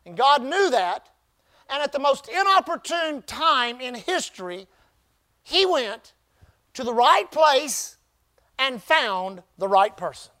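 With an extremely high, sharp voice, this pastor delivers his sermon very animatedly. He leans on drawn-out, emphatic phrases and has the congregation repeat words after him.

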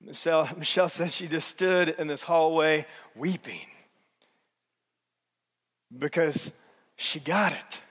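Male pastor, high voice, sermon delivery with big dynamic swings, long reverb of a large church hall. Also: slow, long pauses. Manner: swings between loud emphatic peaks and soft low passages.

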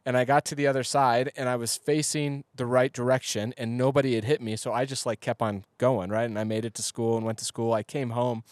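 A man who is a pastor, speaking in a relaxed, conversational way in a casual podcast chat. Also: medium pitch, a little fast, hardly any pauses, no echo. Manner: relaxed, conversational, asks follow-up questions.

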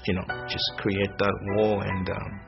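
A man from Zambia giving a personal testimony, speaking haltingly and reflectively with many pauses. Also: fairly low pitch, monotone, gravelly. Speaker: church attender sharing testimony. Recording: slightly dull sound with guitar music behind. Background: soft guitar music.

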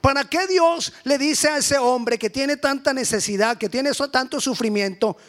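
A man's voice: very high-pitched, moderate pace, a bit bright. A man preaching a sermon with fervent, repetitive rhetorical questions.

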